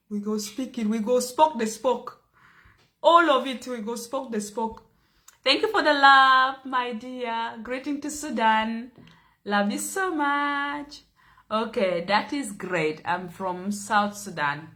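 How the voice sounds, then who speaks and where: Slow, bright-voiced Ugandan woman. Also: a little high. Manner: playful, teasing, laughs often. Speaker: livestream host. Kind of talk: casual livestream chat.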